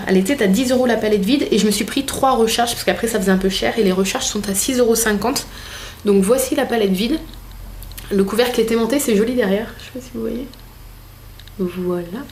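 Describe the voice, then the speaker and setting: A young woman filming a casual makeup vlog at home, talking in a relaxed, rambling way full of little fillers. Her voice sits at an ordinary middle pitch. A faint hiss runs under the recording. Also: moderate pace, pauses often. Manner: chatty, hesitant, many fillers and restarts. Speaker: beauty vlogger. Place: home room with a desk.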